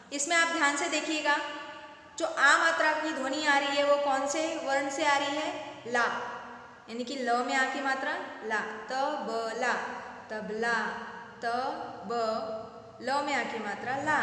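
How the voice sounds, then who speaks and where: A woman teacher speaks slowly and patiently to young children, breaking each word into its syllables. Her voice is high and bright. It rings out with heavy echo and a long reverb tail, as if in a big bare room. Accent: Hindi-speaking India. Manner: sounds out words syllable by syllable, asks the class to repeat. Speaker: primary school teacher. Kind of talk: slow, patient phonics lesson for young children.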